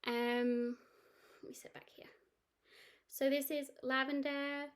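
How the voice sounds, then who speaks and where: Woman, casual crafting chat, rambling, restarts, slightly high pitch. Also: flat delivery, slow pace. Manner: chatty and rambling, with many ums and restarts. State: has the hiccups. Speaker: cross-stitch vlogger.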